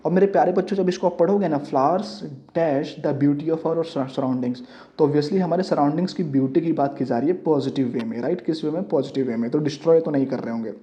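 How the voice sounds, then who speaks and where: Male teacher, exam-prep English lesson, slightly high voice, mellow tone, dull lo-fi recording, quizzes students rhetorically. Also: fairly quick. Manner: asks the students rhetorical questions and answers them himself; mixes English terms into his explanations. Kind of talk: classroom-style exam lesson. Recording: dull lo-fi audio.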